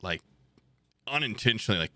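A man's voice: fairly low pitch, animated, a little fast, bright, forceful tone, no echo. A man co-hosting a podcast, chatting casually in a loose, rambling, profane way. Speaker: podcast co-host.

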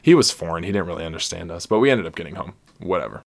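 A young man from Ohio hosts a podcast and tells a story in a loose, chatty way. His voice sits a little low, and he laughs often and keeps saying "like" as he goes. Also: racing, creaky. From Ohio, USA. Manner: lively, laughs often, heavy use of "like". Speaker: podcast host. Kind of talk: casual storytelling.

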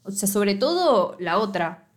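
A woman with an Argentine Spanish accent talks through a film plot in casual podcast chat. She is slangy and animated, and she slips into little voices whenever she quotes the characters. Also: medium pitch, unhurried. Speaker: podcast co-host.

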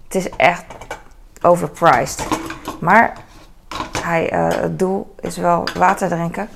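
Woman vlogging while she tidies, low-ish gravelly voice, dishes clattering in the background. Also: fairly even intonation, takes it slowly, background noise. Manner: rambling, many fillers and restarts, mixes in English phrases. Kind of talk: casual chat while tidying the kitchen. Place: home kitchen. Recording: kitchen clatter of dishes and cutlery.

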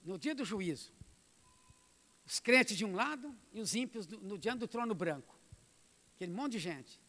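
A man preaching a sermon, emphatic, moving between loud exhortation and quiet asides. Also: sits high, lively intonation, moderate pace, big-room sound.

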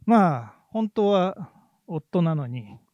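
A man with a fairly high but mellow voice, chatting casually about plays he has seen. He talks in a relaxed, hesitant way, full of fillers and soft laughter. The sound is dry and close. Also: slow pace, no echo, lo-fi sound. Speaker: podcast co-host, theatre reviewer.

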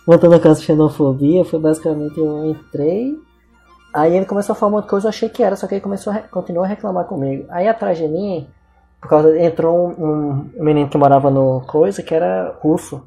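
A woman co-hosting a casual chat, telling a story quickly and mimicking the people she quotes. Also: sits low, mellow, faint music behind. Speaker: podcast co-host.

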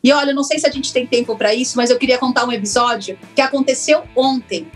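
High-voiced husky woman telling her story. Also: faint music behind. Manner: reflective, earnest, with frequent fillers and pauses. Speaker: interview guest, former lawyer turned systemic constellation therapist. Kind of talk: personal storytelling in an interview.

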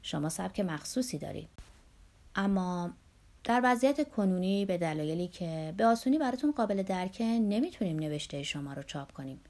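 A woman voicing a patronizing middle-aged male publisher in an audiobook, measured and falsely polite. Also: lowish voice, expressive, darkish tone. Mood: condescending.

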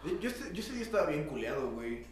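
A young Mexican man with a mid-pitched voice rambles through a story full of slang. He sounds loose and easygoing. His voice bounces around a very echoey room with clear background noise. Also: very animated, fast talker. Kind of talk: casual chat among friends.

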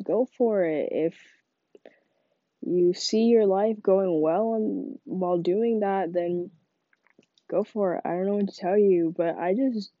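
Stuffy and congested from a cold, a young woman hosting a podcast talks in a rambling, casual way, saying "like" constantly. Her pitch is medium, and the recording is dry with phone-quality sound.

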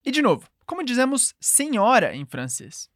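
A woman's voice: fairly high pitch, very animated, normal speed, dry recording, studio quality. A woman with a Brazilian Portuguese accent teaching a call-and-response language lesson, patiently modelling phrases for the listener to repeat.

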